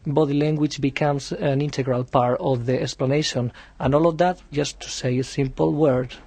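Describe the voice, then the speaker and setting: Spanish guy speaking english, gravelly voice, dry sound, feels his way thru words. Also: medium pitch, steady tone, normal speed, darkish tone, no echo. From Spain. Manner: searching for words, hesitant. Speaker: learner interviewee.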